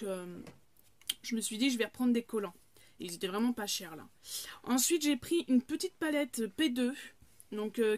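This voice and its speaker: Chatty french woman doing a haul vid, kinda high voice, lots of euh and restarts. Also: a little mellow, no room sound. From France. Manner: chatty, many fillers and restarts. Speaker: haul vlogger. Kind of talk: casual haul vlog.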